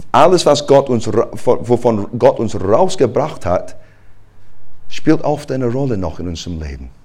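Animated male pastor preaching. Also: medium pitch, normal speed. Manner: conversational, animated preaching with restarts. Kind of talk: sermon.

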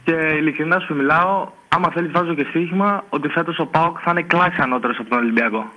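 A man's voice: a little high, sharp tone, highs cut off. A man in his twenties from Thessaloniki, calling in to a sports radio show and insisting eagerly on his point. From Thessaloniki, Greece. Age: 20s. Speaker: caller. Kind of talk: phone-in argument.

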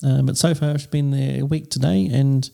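A man, co-hosting a casual podcast in a small studio on a proper microphone, relaxed and hesitant, with many fillers. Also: medium pitch, moderate pace, vocal fry. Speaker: podcast co-host.

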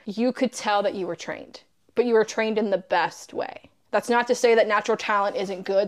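A woman hosting a podcast, chatting with her guest in an enthusiastic way and often saying "like.". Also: mid-range voice. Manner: enthusiastic, filler-heavy "like". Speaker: podcast host. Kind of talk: casual interview chat.

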